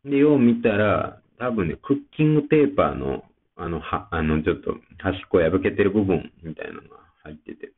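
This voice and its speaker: A man's voice: deep voice, animated, a little fast. A man with a Kansai accent, hosting a casual solo talk show and rambling chattily with plenty of fillers. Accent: Kansai Japanese. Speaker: podcast host. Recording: tinny phone-like sound.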